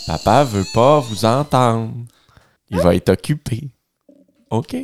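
A man's voice: medium pitch, lively intonation. A man in an improv comedy scene, playing a tired, strict father with a Québécois accent who scolds his kids at bedtime. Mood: weary. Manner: scolding, drawn-out. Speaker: improv performer.

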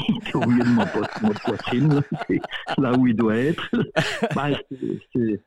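A man's voice: mid-range voice, lively intonation, a little slow, a crowd in the background. A man from Belgium, a guest soccer coach in a casual radio interview, talking hesitantly with many repeated words and fillers. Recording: tinny phone line.

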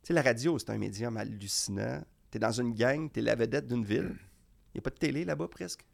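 Québécois male comic guest, gravelly voice, talks in loose animated restarts. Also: medium pitch, a little fast. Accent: Québécois French. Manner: animated storyteller, rambling restarts. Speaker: comedian guest. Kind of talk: casual chat.

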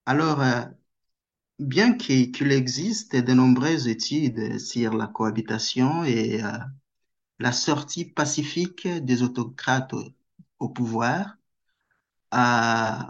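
A man who is a guest researcher answers interview questions slowly and hesitantly, with many pauses and fillers. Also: medium pitch. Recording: dull lo-fi sound.

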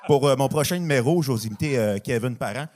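A man doing stand-up on stage, delivering a rapid string of deadpan bits. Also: mid-range voice. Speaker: stand-up comedian. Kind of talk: stand-up one-liners. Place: comedy club stage.

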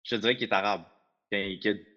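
A man's voice: fairly low pitch, fast talker, sharp tone, dull audio. A man co-hosting a podcast, arguing his point in casual chat and slipping into English phrases. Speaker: podcast co-host.

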